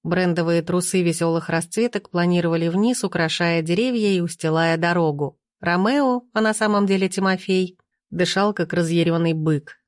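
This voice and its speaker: A woman reads an audiobook in a measured, unhurried voice. Her tone sits low. The sound is dry and close. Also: steady tone, dry recording. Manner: slow, measured delivery. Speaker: audiobook reader. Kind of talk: audiobook narration.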